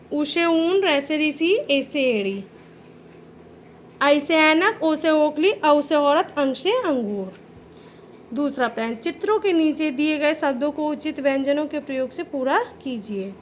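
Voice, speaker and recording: Woman teacher with a Hindi accent, high voice, unhurried lesson delivery, faint hiss under the recording. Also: animated. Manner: slow, careful, drawn-out sounding of letters, addresses listeners as "beta". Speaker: school teacher. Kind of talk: recorded Hindi grammar lesson for young children.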